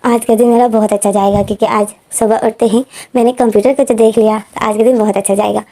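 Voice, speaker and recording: A woman's voice: fairly high pitch, fairly even intonation, fast, dark tone. A woman storyteller voicing a stubborn, dreamy young man who whines and pleads with his parents. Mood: whiny. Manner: pleading whiny protests.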